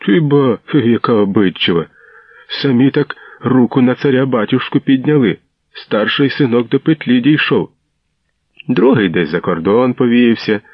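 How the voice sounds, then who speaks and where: A man's voice: lowish voice, no room sound, voice pushed up. Man putting on a barking bully gendarme. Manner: rude, mocking, barking. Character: coarse mustached male tsarist gendarme, bullying. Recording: dull lo-fi radio recording.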